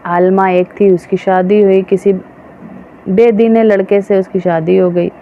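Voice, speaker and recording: A woman's voice: medium pitch, flat delivery. A woman religious teacher preaching a sermon to women, emphatic and full of rhetorical questions. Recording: dull, slightly noisy recording.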